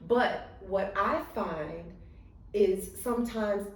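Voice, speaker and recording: Speaking slowly in a mid-range voice, the Southern-accented American podcast host keeps her casual conversation emphatic, frequently checking that listeners agree. She records in a room in Dubai, where the sound is echoey with a distant mic and faint background noise.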